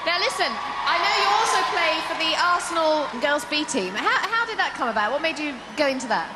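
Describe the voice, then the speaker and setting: A woman hosting a game show in a large indoor arena, brisk and upbeat, calling out over the crowd. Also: high voice, sing-song. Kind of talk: lively TV presenting in an arena. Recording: loud arena crowd noise.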